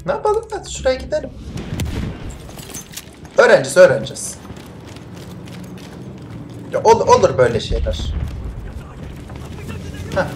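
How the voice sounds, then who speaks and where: Lively streamer narrating play, big shouty swings, faint music behind. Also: medium pitch. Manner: excitable, shouting bursts between muttered asides; jokey, throws in mock-Italian phrases. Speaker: gameplay streamer. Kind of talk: live gameplay commentary.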